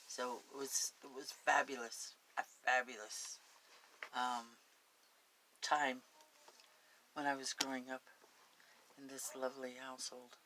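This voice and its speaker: A woman's voice: a bass voice, flat delivery, takes it slowly, pauses often, noisy background. A woman with a Spanish accent reading a story aloud, stopping for chatty, homey asides. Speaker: story reader.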